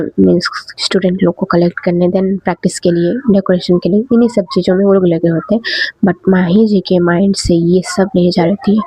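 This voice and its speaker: A woman's voice: mid-range voice, dark tone, breathy edge, no room sound. A woman narrating a story in a casual, chatty way, mixing in English words. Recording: dull, dry, close recording.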